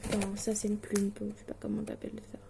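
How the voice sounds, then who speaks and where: A young Swiss woman in her late teens, a distance-learning student vlogger, chats casually to the camera about her studies, hesitant, anxious, self-deprecating, and full of fillers. Her mid-range voice is creaky and mellow, completely flat, and quick, with a little hiss or hum in the audio.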